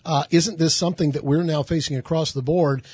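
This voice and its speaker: Emphatic talk show host. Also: male voice, fairly high pitch, fairly even intonation, a little fast, darkish tone, husky, no echo. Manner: emphatic, punchy rhetorical delivery. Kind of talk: talk show commentary and interview. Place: studio.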